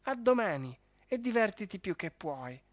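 A storyteller voicing a gallant young baron who speaks politely and softly. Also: male voice, high-pitched, big pitch swings, moderate pace, no echo, pitched above the performer's own voice. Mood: gentle. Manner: polite, soft-spoken. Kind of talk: storybook reading.

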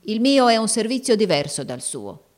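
A woman's voice: mid-range voice, sing-song, normal speed, a little mellow, pitched above the performer's own voice, lightly acted. A woman doing a sneering older maidservant. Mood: impatient. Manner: impatient, brusque and sneering. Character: brash, mocking fifty-year-old maidservant. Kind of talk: audiobook reading.

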